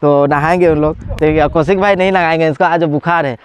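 There's slight background noise behind this man's somewhat high voice as he casually vlogs at an outdoor water park. In his forties and nursing a cold, he films himself on a phone at arm's length, talking excitedly with frequent laughter and plenty of filler pauses.

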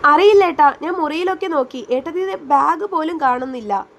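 A woman's voice: high-pitched, lively intonation, a little fast, a bit bright. Woman reading as a worried young sister. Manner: breathless, worried. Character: anxious young sister, Kalyani.

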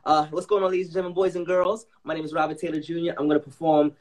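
A man's voice: on the high side, level tone, very fast. Chatty man introducing his song. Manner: hyped, chatty, addresses viewers as y'all. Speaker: singer. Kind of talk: live-streamed song performance over a backing track. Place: living room at home. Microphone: handheld mic on a video call. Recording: backing music loud behind the voice.

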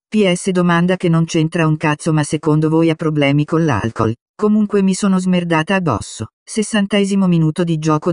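A man giving comic, scripted football commentary as an excitable, foul-mouthed, mocking fan. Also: fairly high pitch, no room sound, clean studio sound.

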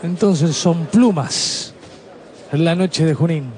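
A man's voice: a little high, slow pace, a little mellow. Man calling boxing, faint venue noise. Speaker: boxing play-by-play commentator. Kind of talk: terse live blow-by-blow commentary.

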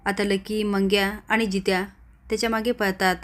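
Flat-voiced woman narrating a serial recap. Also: medium pitch, moderate pace. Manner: plain, steady narration.

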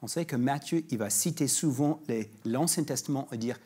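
A man giving a sermon as a guest preacher in church, talking in a conversational way with frequent restarts, and reading scripture slowly and emphatically. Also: mid-range voice, dark tone, slightly rough. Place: church sanctuary.

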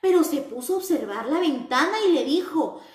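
A woman teaching young children, telling them a story in a slow, animated, sing-song way. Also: high voice. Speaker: preschool teacher. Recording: roomy echo.

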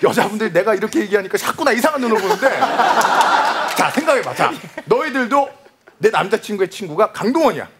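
A man doing stage comedy in a mock debate, teasing and shouting with laughter at a live audience. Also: high voice, animated, fairly quick, heavy background noise. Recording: broadcast stage with loud music and crowd.

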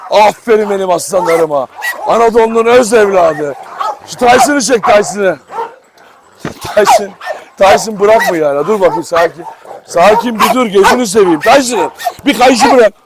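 A man's voice: high-pitched, animated, normal speed. A man hosting a casual dog-farm vlog outdoors, chatting to viewers and coaxing his dogs affectionately. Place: outdoor yard. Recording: noisy outdoor recording.

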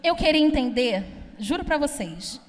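A woman's voice: high-pitched, animated, moderate pace, big-room sound. A young woman from Brazil, doing a brash, chatty stand-up comedy set and teasing the crowd. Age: young adult. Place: comedy club stage. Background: audience laughter.

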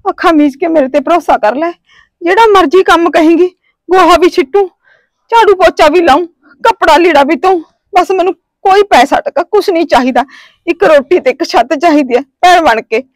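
A woman's voice: sits high, brisk, few pauses, dry recording. An actress with a Punjabi accent playing a tearful young wife thrown out of her home, begging for work and shelter. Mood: pleading. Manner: pleading, sobbing. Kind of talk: village family drama acting.

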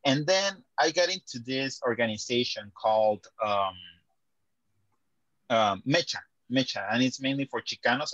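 A young man raised in Mexico speaking on a video call panel from a dim room at home, unhurried and reflective, pausing with fillers. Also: mid-range voice, a bit bright, dry recording. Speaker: writer panelist. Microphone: video call webcam. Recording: dry, dull webcam audio.

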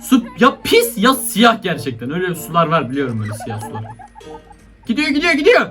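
A man's voice: fairly high pitch, huge pitch swings, fast, fairly bright tone, soft background music. A young man giving casual, slangy commentary on funny video clips, often laughing and exclaiming. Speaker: YouTuber reacting to funny clips.

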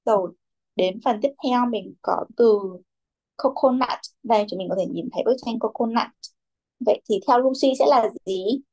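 A woman's voice: on the high side, normal speed, a little mellow, husky, highs cut off. A young woman teaching a children's English class, who calls on pupils by name, repeats their answers and mixes English words into her instructions.

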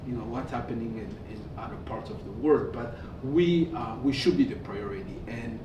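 A man on a forum panel speaking earnestly, halting with frequent restarts. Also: medium pitch. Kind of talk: panel remarks. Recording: echoey distant room recording with noise.

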